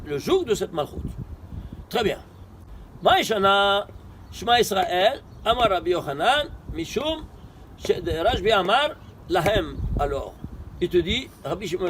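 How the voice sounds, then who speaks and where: A man teaching a Torah study lesson, posing rhetorical questions and answering them himself, emphatic with sudden bursts and quiet asides. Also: sits high, background noise.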